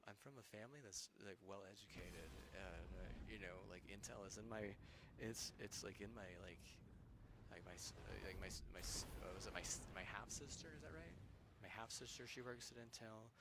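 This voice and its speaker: A man in his early thirties rambling on a gaming live stream, profane and halting, with many restarts. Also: lowish voice, very noisy. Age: 30s.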